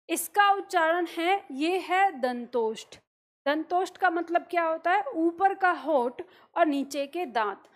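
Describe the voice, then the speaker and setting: A woman teacher explaining a lesson patiently, step by step, checking in with the listener as she goes. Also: high-pitched. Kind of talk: classroom explanation.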